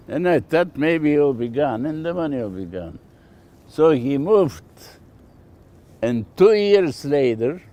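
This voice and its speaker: With a dark-toned, mid-range voice, this older man from Bulgaria speaks with a Bulgarian accent. Interviewed as a shopkeeper, he tells his anecdotes plainly and casually, in the style of oral storytelling.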